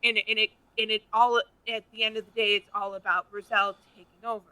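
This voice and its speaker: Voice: medium pitch, fast talker, smooth, poor audio. A co-host of a book podcast talking through the plot casually, checking in with "right?". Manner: animated, questioning with frequent "right?". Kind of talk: casual chat.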